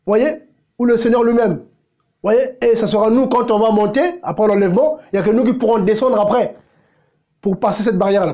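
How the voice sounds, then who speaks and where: A pastor with a high-pitched, warm voice delivers a blunt, unpolished, confrontational sermon, firing rhetorical questions at his listeners. The recording is muffled.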